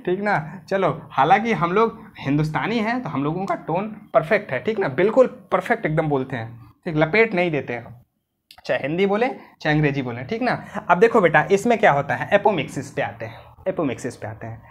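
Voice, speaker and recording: A man teaching biology in a casual, chatty way, speaking with an Indian accent, addressing students fondly and slowing down to dictate. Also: a little high, lively intonation. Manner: chatty, calls students "beta", slows right down to dictate English. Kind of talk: casual classroom lecture.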